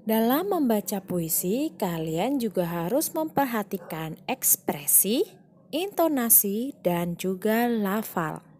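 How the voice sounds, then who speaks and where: A woman's voice: medium pitch, a little mellow, a little hiss or hum. A woman teaching a primary school class in a recorded online lesson, explaining patiently and reading examples aloud with feeling.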